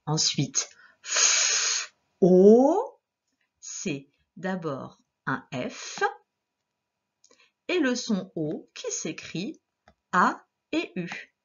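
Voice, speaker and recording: A woman teacher giving a dictation lesson to young children, sounding out each syllable slowly and clearly. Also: fairly low pitch, very animated, fairly bright tone, highs cut off. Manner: slow, clearly articulated syllables with gestures.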